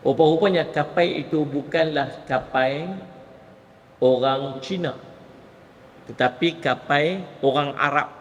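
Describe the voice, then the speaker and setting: Man, northern Malay accent, preacher, lively lecture, high voice, long reverberant mosque hall. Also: slight background noise. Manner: lively, addresses audience as gentlemen. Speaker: Islamic preacher.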